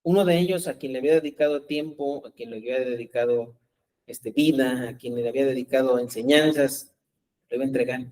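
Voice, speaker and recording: A man's voice: mid-range voice, fairly quick, darkish tone, poor audio. A man preaching a sermon as pastor, talking conversationally and often asking his congregation rhetorical questions.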